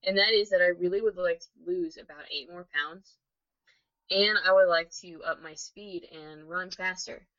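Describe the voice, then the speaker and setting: Woman, casual podcast chat, lots of fillers, bright tense voice, slightly low pitch. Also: moderate pace. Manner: chatty, frequent "like" fillers. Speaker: podcast co-host. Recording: dull lo-fi sound.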